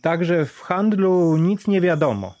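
A man doing a loud hawking peasant seller. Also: high-pitched, animated, slow, no room sound, pitched above the performer's own voice. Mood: grumbling. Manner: loud hawking cries, plain-spoken. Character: shouting peasant gazelle seller, man, stubborn. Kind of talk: audiobook fairy tale reading.

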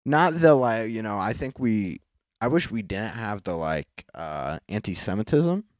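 A man's voice: lowish voice, big pitch swings, measured pace, no echo, clean studio sound. A man co-hosting a casual podcast chat, laughing often and filling his talk with "like". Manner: laughs often, lots of "like" fillers. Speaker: podcast co-host.

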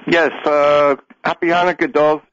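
A man's voice: on the high side, little pitch movement, a little slow, a bit bright. A man calling in to a radio talk show over a phone line, talking emphatically, repeating his points and restarting his sentences. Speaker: caller. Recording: dull dry phone line.

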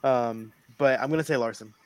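A man co-hosting a sports podcast, talking quickly and hedging his opinions. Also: mid-range voice, no room sound. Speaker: podcast co-host. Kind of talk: casual debate.

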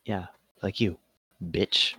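A man's voice: slow pace, sharp tone, no echo. A young man co-hosting a casual podcast, joking and laughing as he rambles. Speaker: podcast co-host.

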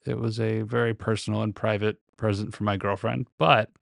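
A man's voice: fairly low pitch, little pitch movement, a little fast, gravelly, no echo. A man recording a casual, reflective solo podcast monologue very close to the microphone, speaking in a hesitant, introspective way. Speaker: podcast host.

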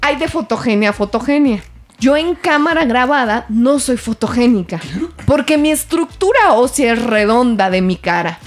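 A woman's voice: a little high, expressive, normal speed, faint music behind. A woman with a Mexican accent hosting a casual podcast chat, telling frank, self-mocking stories.

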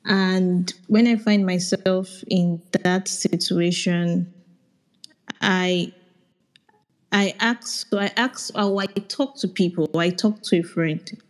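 A Nigerian woman, a product manager, giving reflective career advice in a casual audio chat, often pausing to search for words. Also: fairly low pitch, steady tone, poor audio. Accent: Nigerian English.

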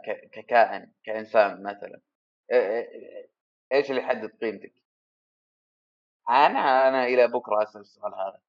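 A man's voice: mid-range voice, muffled recording. A man hosting a solo podcast, rambling and self-deprecating as he thinks aloud. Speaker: podcast host. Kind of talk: casual solo podcast monologue.

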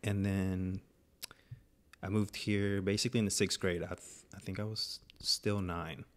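A young man from Venezuela with a very deep voice talks as a podcast guest. He rambles loosely and leans on fillers, keeping a relaxed, easygoing tone throughout. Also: a little slow. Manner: laid-back, rambling with many fillers. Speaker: guest photographer. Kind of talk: casual podcast chat.

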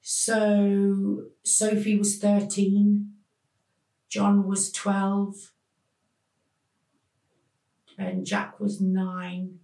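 A woman tells a painful personal story as a podcast guest, speaking haltingly with many pauses. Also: mid-range voice, completely flat delivery, vocal fry, warm tone, far from the mic. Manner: slow, halting, emotional retelling with many pauses. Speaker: podcast guest telling her life story. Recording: roomy sound, voice off the mic.

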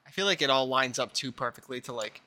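A man's voice: mid-range voice, animated, fast, background noise. A man in casual conversation, mostly giving short replies and asking questions. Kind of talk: casual chat.

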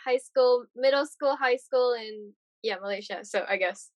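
High-voiced young woman chatting casually. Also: moderate pace, no room sound. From Japan. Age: young adult. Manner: chatty, trailing off with fillers. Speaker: podcast guest. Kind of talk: casual conversation.

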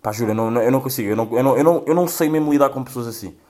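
A young man with a European Portuguese accent, talking casually as the host. He rambles, swears freely and mocks what he is showing, at an ordinary middle pitch. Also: rapid-fire, darkish tone. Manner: profane, rambling, mocking. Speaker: host reacting to social media clips. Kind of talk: casual commentary.

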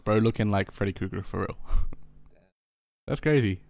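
Late-teen male podcast host, lisp, lower register, dry close mic, rambling and sweary. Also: a little slow, vocal fry, a little mellow, dry recording. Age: late teens. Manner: rambling, swears freely, lots of ums and laughs. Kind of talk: casual podcast chat.

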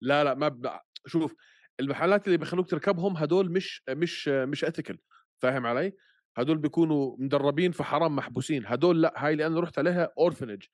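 A man with a Levantine Arabic accent chatting casually as a podcast co-host, telling things in an animated way and dropping English words into his Arabic. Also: on the high side, fast, no echo, studio quality.

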